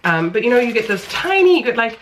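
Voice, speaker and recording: A woman's voice: a little high, big pitch swings, quick pace, background noise. A woman in her thirties chatting casually in a home vlog, rambling and self-deprecating, with a stuffy, nasal voice as if her nose is pinched. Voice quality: congested, pinched nasal sound. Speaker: vlogger, mother of young children.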